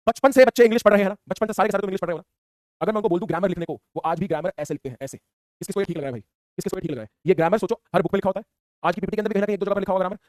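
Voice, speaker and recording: Rapid-fire playful male teacher. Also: sits high, no echo, clean studio sound. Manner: teasing, playful, repetitive tag questions. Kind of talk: fast online class lecture.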